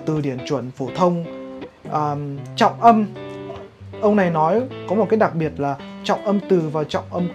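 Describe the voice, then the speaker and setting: A woman from Vietnam teaching English pronunciation in a vlog, explaining in a measured way. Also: lowish voice, darkish tone. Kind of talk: vlog lesson commentary. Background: guitar music.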